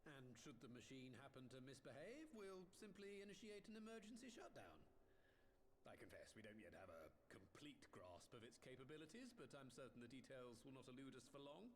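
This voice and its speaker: Man acting a lively, learned game engineer. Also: mid-range voice, fairly quick, slight background noise, lightly acted. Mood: assured. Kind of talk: scripted video game dialogue.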